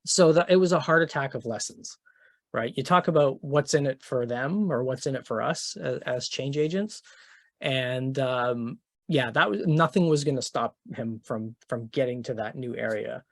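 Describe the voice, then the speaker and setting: A man's voice: medium pitch, moderate pace, dry recording, clean studio sound. A middle-aged man giving a conference keynote, telling a story in a casual, conversational way with many fillers and restarts. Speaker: keynote speaker. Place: conference venue.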